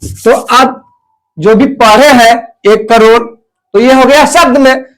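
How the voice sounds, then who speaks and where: A man teaching a math lesson, slowly counting off place values step by step and repeating himself. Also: extremely high pitch, fairly even intonation, a bit bright.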